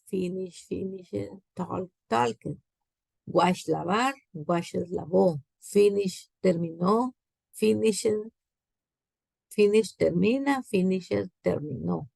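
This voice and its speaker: Slow gravelly Guatemalan woman teaching. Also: medium pitch, a little mellow, dry recording. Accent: Guatemalan Spanish. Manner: slow, repeats example words with translations. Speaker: English teacher. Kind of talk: classroom grammar lesson.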